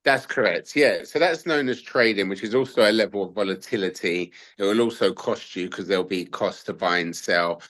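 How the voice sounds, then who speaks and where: Man, low voice, talkative, lots of fillers, investment adviser. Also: brisk, hardly any pauses, fairly bright tone. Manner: talkative, full of fillers and asides. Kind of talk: casual interview talk.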